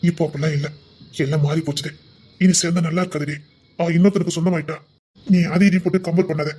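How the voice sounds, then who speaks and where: A man's voice: a little high, steady tone, rapid-fire, warm tone, husky. A man voicing a pushy, devoted young suitor, murmuring half-whispered in an amateur audio drama. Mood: heartfelt.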